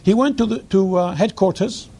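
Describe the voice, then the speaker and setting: A man giving a historical lecture at a conference, earnest and halting, with many fillers and restarts, stressing key words. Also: high-pitched, warm tone. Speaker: conference speaker.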